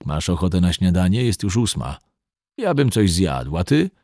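A controlled, quietly threatening man in his forties, read by a male narrator. His voice is very deep and husky, and his delivery is lively despite the calm. The sound is close and dry. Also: normal speed, no echo, heavily acted. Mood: cool, menacing. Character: 42-year-old man, calm yet menacing. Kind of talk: audiobook reading.

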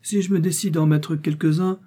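A man's voice: fairly high pitch, fairly even intonation, brisk, dark tone, husky, voice pushed up. A man voicing a vain young heiress who speaks with affected, falsely modest politeness.

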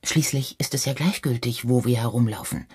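Man voicing a breathy young woman, hushed half-whisper, husky, wistful, radio reading. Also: medium pitch, brisk. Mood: musing. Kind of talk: audiobook reading.

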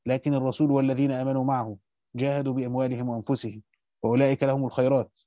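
Reading a classical Quran commentary quickly and adding short remarks, a male teacher recites at a rapid, steady pace but slows down to emphasize important words. The mid-range voice is recorded dull and dry, without any echo.

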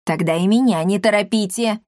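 A woman's voice: mid-range voice, a little fast, a little mellow, no echo, clean studio sound, close to an everyday voice. A woman voicing a grumpy, sly old male apothecary who grumbles, hisses and squeals. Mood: grumbling. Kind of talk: audiobook character voice.

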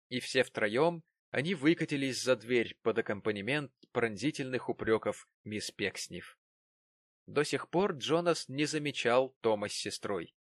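A male narrator reading a classic novel in a measured storytelling way. His voice sits mid-range for a man. The recording is close and dry. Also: mid-range voice, no echo. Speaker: audiobook narrator.

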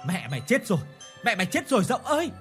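A frantic village boy yells his news in a breathless rush, his voice climbing high and straining loud, as a male storyteller puts him on. Faint music runs underneath. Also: sing-song, rapid-fire. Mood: panicked.

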